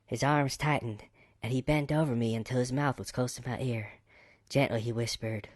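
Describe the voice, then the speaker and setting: A man's voice: medium pitch, steady tone, moderate pace, dry recording, natural voice. A man reading a romance novel aloud as its female first-person narrator, in a slightly raised voice with a mock Texas accent. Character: woman narrating her own romance story.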